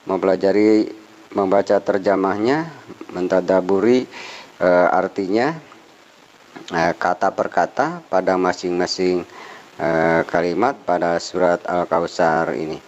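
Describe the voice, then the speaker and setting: A man teaching Quran recitation, chanting verses in a slow, drawn-out way and explaining the rules hesitantly, with many fillers, repeating each word to model how it is said. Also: deep voice, a little mellow, slight background noise. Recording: dull lo-fi recording.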